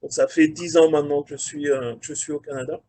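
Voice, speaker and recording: A Frenchman in his forties, a quality manager and career mentor, is interviewed over a video call from his office at a factory. His voice is slightly higher, and he's relaxed but hesitant, filling pauses with lots of "euh".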